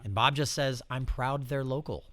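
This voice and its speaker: A man hosting a live radio music show in a studio, chatty and joking with quick asides. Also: mid-range voice, bright, forceful tone. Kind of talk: casual live radio chat.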